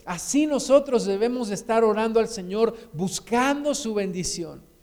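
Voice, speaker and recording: A middle-aged pastor preaches in a lively storytelling manner. His voice sits high for a man and sounds smooth and clear. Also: moderate pace. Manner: storytelling, animated retelling with acted quotes. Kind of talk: sermon.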